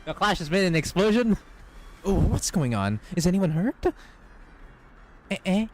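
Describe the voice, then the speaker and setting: A man reading a game story aloud and breaking off for excited, profane reactions. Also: sits high, a little slow, soft background music. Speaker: gaming streamer.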